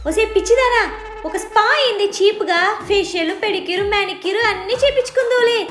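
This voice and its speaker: A woman's voice: extremely high pitch, brisk, reverberant. Woman doing a bossy scolding mom. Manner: scolding, boastful, drawling. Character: bossy, scolding middle-aged mother chasing internet fame.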